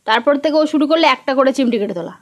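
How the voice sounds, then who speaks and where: A woman's voice: high voice, lively intonation, fast. A woman vlogging casually at her village home with a West Bengal Bengali accent, chatting and playfully repeating words to her small daughter. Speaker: vlogger and mother. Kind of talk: casual home vlog chat.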